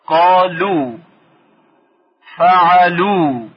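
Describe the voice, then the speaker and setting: A man teaching Quran reading in a radio lesson, stretching and repeating each example word slowly. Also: high-pitched, breathy edge. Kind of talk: slow didactic lesson with drawn-out repeated words. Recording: dull lo-fi radio broadcast.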